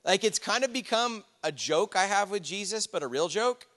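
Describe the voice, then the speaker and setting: A man's voice: high-pitched, animated, moderate pace, a bit bright. A man, preaching a casual, conversational sermon with personal stories, chatty asides and fillers. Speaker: pastor. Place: church sanctuary. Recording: church hall with long reverb.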